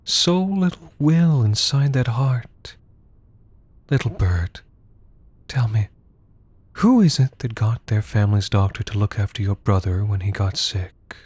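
A man voicing a commanding woman in her sixties who speaks in a soft, murmured, quietly menacing way. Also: on the low side, moderate pace, dry recording, natural voice. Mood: menacing, coaxing. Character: commanding sixty-something woman, cold and manipulative.

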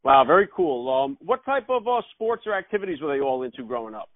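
A man's voice: a little high, big pitch swings, quick pace. A man hosting a casual podcast interview, heard over a tinny phone-like line.

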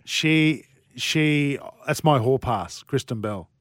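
A man's voice: mid-range voice, slow pace, no room sound, studio quality. A blokey Australian man bantering casually as a sports radio host, with a cheeky, matey manner. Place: radio studio.

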